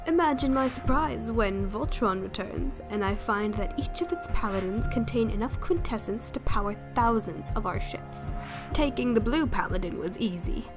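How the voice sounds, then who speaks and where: A woman voicing a cold, cruel, ancient witch queen in a fan comic dub, slow and menacing. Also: on the high side, expressive, music in the background, natural voice. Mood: gloating.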